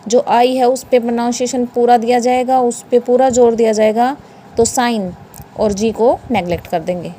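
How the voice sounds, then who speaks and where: A woman's voice: a little high, fairly even intonation, normal speed, dark tone, slight background noise. A woman with an Indian accent teaching English pronunciation in a classroom style. She spells words letter by letter and asks questions that she answers herself.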